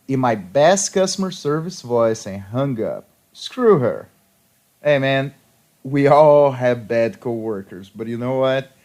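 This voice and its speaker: A man reading petty revenge stories aloud, with a sarcastic storytelling manner. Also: mid-range voice. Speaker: story narrator.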